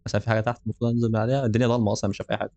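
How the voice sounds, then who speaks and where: A man's voice: on the low side, little pitch movement, racing, mellow, no echo. A young man with an Egyptian Arabic accent, giving jokey, nervous commentary while playing a horror game. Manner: jokey, nervous, laughs often. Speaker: gaming channel host. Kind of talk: let's play commentary.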